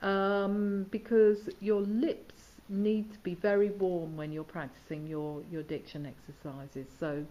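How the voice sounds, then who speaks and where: In dull audio, a woman diction teacher questions her students, explains exercises, and demonstrates sounds. She speaks at a measured pace in a mid-range voice with little pitch movement and hardly any pauses.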